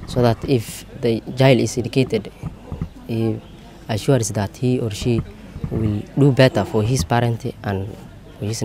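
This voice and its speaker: Dark-toned man speaking formally. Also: on the low side. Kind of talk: interview answers.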